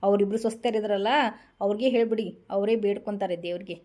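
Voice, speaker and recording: Woman, comedy skit, coaxing matter-of-fact delivery, mellow tone. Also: mid-range voice, fairly even intonation, fast talker.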